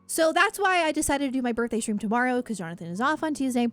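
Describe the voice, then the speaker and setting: Talking fast in a very animated, high-sitting voice, a woman answers her livestream viewers casually over faint background music, rambling, effusive and self-deprecating.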